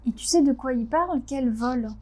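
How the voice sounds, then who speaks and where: Woman, higher pitch, soft dark timbre, casual tabletop player, music underneath. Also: moderate pace. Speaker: tabletop role-playing player. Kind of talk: casual game discussion.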